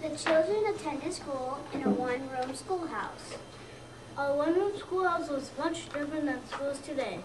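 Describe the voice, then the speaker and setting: A second grader, around seven or eight years old, reads a scripted narration aloud for readers theater in a high, expressive voice at a moderate pace. The recording is echoey, with a distant mic and a noisy background.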